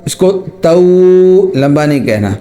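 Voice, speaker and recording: A man teaching letter pronunciation, drawing out each drilled syllable slowly between quick spoken explanations. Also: a little high, animated, darkish tone. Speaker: tajweed teacher. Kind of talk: recitation lesson.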